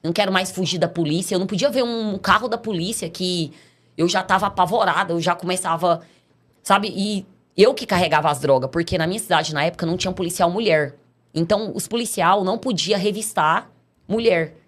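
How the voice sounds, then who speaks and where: A middle-aged woman with a Brazilian Portuguese accent tells her testimony in a casual, lively way. She acts out the people in her story as she goes. Her voice sits a little low for a woman. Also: fairly quick. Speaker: podcast guest giving a testimony.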